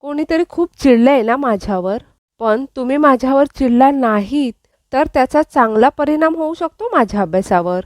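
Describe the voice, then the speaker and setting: A woman voicing a lively, apologetic young woman who is a student, in a retold serial scene. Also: sits high, normal speed, no room sound, studio quality, pitched above the performer's own voice. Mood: pleading. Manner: pleading, then cheerful. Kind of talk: recounted serial dialogue.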